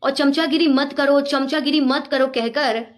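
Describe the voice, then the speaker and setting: A woman's voice: high voice, fairly even intonation, unhurried. A woman narrating sarcastic political commentary as a voice-over.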